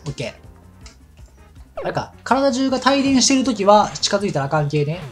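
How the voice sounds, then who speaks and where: A man's voice: high-pitched, big pitch swings, normal speed. A man with a Kansai accent chatting casually and telling rambling stories while he plays a game. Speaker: let's play commentator. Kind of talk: casual chat over gameplay. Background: game music.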